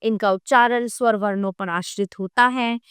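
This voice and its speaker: Clear-voiced woman teaching grammar. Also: medium pitch, steady tone, normal speed, dry recording, studio quality. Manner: reads definitions and lists letters one by one, with asides to students. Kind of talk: grammar lesson read from an ebook.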